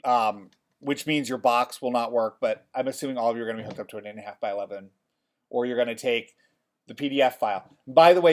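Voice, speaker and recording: A male college theater design instructor teaching software in a casual classroom style, often checking in with the class. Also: mid-range voice. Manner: chatty, checks in with "okay?" often.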